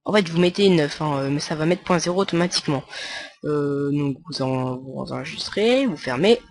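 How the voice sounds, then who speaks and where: A man's voice: on the high side, moderate pace. A man talking through a casual screen-recorded game tutorial, rambling and stumbling over his words with many fillers, and joking with his viewers. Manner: chatty and jokey with viewers. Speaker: tutorial maker.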